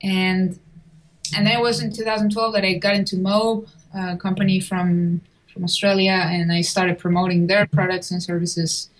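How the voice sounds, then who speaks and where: A woman's voice: on the low side, flat delivery, normal speed, low-quality recording. Chatty woman. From Chile. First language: Spanish. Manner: chatty, with frequent restarts and small laughs. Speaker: guest. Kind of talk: casual interview.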